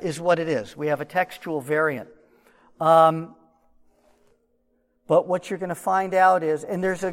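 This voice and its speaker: High-voiced man, muffled from a pocket. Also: long reverb tail. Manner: conversational, explaining with asides. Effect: muffled, recorded from a shirt pocket. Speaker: Bible teacher. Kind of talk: verse-by-verse Bible teaching.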